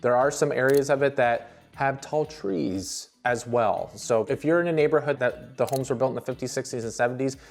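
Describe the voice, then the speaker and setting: A man presents a property countdown like an informal online host. His voice sits at an average male pitch, and he tends to repeat key phrases as he moves through the ranking. Soft music plays underneath. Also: normal speed, vocal fry, few pauses. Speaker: real estate video host. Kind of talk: top ten countdown presentation of neighborhoods.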